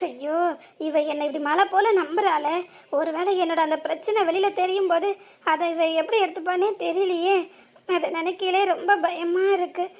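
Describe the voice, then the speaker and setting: A woman's voice: very high-pitched, steady tone, normal speed. A woman voicing an anxious young village husband in a cartoon, with a southern Tamil Nadu accent and a fretful, hesitant way of talking. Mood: fearful. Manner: fretful, pleading, softly hesitant. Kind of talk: cartoon voice acting.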